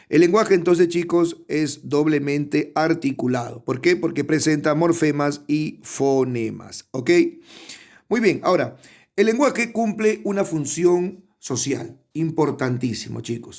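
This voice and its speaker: A man's voice: fairly high pitch, darkish tone. A middle-aged man, a teacher giving an online class who explains step by step and often checks in with his students. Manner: explanatory, addresses students often, frequent tag questions.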